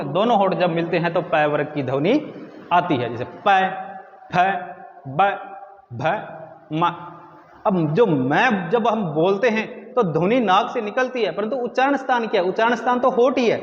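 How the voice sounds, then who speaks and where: A man's voice: high voice, a little fast, hardly any pauses, reverberant, big-room sound, muffled recording. A man teaching Hindi grammar for exam prep, asking his own questions and answering them himself.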